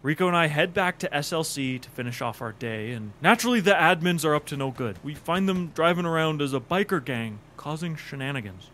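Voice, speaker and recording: High-pitched, animated man narrating game adventures. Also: fairly quick, few pauses, a little hiss or hum. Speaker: video game storyteller. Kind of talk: dramatic scripted narration of gameplay. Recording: music behind the voice. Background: background music.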